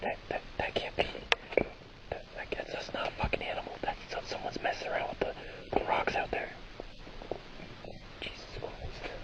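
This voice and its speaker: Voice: moderate pace, pauses often, a bit bright. A person whispering in panic and stammering, outdoors at night, recorded faintly on a phone from far off. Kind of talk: frightened whispering.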